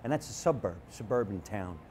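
A man, a comedian telling animated stories from his childhood in a casual interview. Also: fairly low pitch, a little fast, slight background noise. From Jersey City, New Jersey. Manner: animated, chatty storyteller with frequent restarts. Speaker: comedian, guest.

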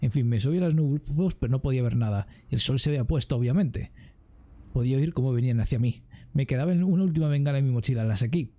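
A man's voice: medium pitch, fast talker, dark tone, lightly acted. A man reading out a stranded woman survivor's chatty, self-deprecating diary log.

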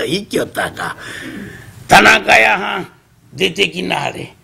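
A man's voice: high voice, sing-song, takes it slowly, creaky, breathy edge, exaggerated voice. Man playing a tipsy, scheming merchant with a Kansai accent. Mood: conspiratorial. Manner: hushed, conspiratorial, coaxing. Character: tipsy, scheming middle-aged male merchant patron. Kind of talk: traditional comic storytelling.

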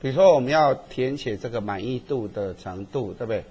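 Lecturing his class, this husky-voiced statistics teacher lets his pitch swing animatedly up and down. He constantly tacks on brief checks to make sure students are keeping up.

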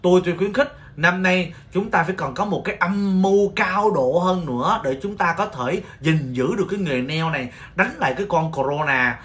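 Fast, bright-voiced Vietnamese man ranting. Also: high voice. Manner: animated, exclaims often, mock-scolding rants. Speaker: livestream host, nail salon owner. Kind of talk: casual storytelling livestream.

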